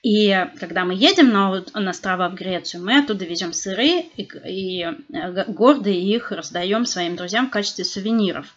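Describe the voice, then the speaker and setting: A woman's voice: mid-range voice, normal speed, hardly any pauses, highs cut off. A middle-aged woman in casual chat, talking animatedly with lots of fillers and restarts. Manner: chatty, animated storytelling with frequent fillers and restarts.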